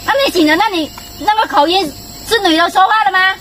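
A woman's voice: very high voice, fast talker, noisy background. A woman playing a flustered pleading passerby. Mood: defensive. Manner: pleading, defensive. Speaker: passerby wrongly accused. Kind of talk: amateur comedy skit acting. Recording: loud music and crowd behind.

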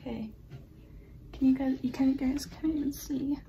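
A woman vlogging as she unboxes and sets up a new laptop, excitable and gasping, often dropping into whispered asides, recorded indoors by a camera on a tripod. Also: high-pitched, moderate pace, highs cut off, noisy background. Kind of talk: unboxing vlog narration.

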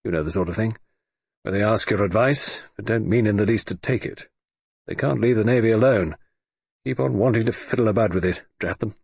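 A man reading an audiobook, voicing a gruff, blustering old retired admiral who speaks in brusque, clipped grumbles. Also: on the low side, brisk, darkish tone, dry recording.

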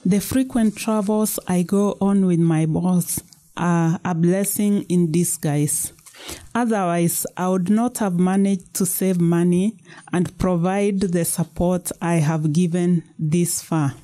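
An earnest young woman pleading with her parents, as a woman reads her out from a novel, her words slow and careful. The voice sits a little low and sounds soft and mellow. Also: steady tone.

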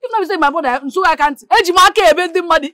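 Film drama: indignant student, Nigerian Pidgin, high and rapid. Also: female voice, sharp tone. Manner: protesting, switching into Igbo. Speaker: student defending herself.

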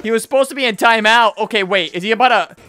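A man's voice: high-pitched, fast, background noise. A man gives casual, exclaiming, incredulous reaction commentary full of slang, close on the mic. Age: 20s. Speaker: reaction video host. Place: small indoor home studio. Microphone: close boom-arm microphone.

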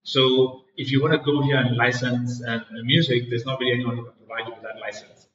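A man's voice: mid-range voice, flat delivery, brisk, fairly bright tone, slight background noise. A man from Denmark in his thirties, a startup founder answering interview questions in an office, hesitant with many fillers and restarts. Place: co-working space office. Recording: echoey room, distant and dull.

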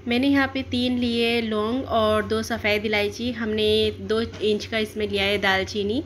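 Woman doing a cooking channel voice-over, calm step by step explaining, medium pitch, little bit of room noise. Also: a little slow. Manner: steady instructional, explains each step and options.

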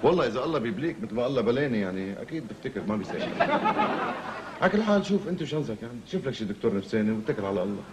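A Lebanese actor plays a comically flustered newlywed with two wives who rambles through his troubles. He talks at breakneck speed with a lively, swooping pitch. Loud noise fills the background. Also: racing, crowd noise, close to an everyday voice. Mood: mock advice. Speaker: patient in a comedy series. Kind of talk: comic TV acting.

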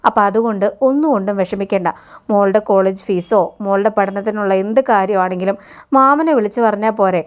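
A woman's voice: mid-range voice, darkish tone, clear, resonant tone, natural voice. A woman doing a kind, doting uncle. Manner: soothing, reassuring. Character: kind middle-aged uncle, gentle and protective.

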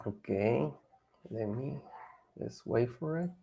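Lively bilingual teacher. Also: male voice, mid-range voice, extremely slow, vocal fry. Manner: lively, mixes Spanish and English, coaxing students. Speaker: English teacher. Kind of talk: online class for children.

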